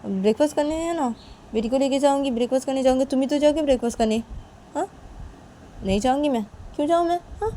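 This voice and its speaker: A woman's voice: high voice, quick pace, warm tone, slight background noise, pitched above the performer's own voice, close to an everyday voice. A woman voicing a smug married young woman who taunts the other and keeps asking "haan?". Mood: taunting. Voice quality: taunting, ends lines with "haan?".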